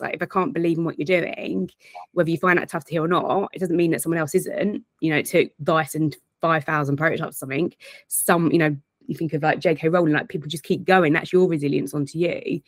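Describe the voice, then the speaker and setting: A middle-aged woman coach with a low voice talks direct and emphatic in a casual interview. Her voice is recorded close and dry, with no room sound. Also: steady tone, fast talker, dry recording. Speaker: guest, performance and corporate coach.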